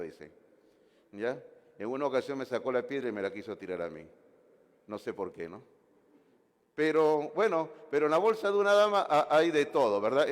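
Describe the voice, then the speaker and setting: A man preaching a sermon as pastor, animated, with asides and jokes to the congregation. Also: mid-range voice, in a large hall. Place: church sanctuary.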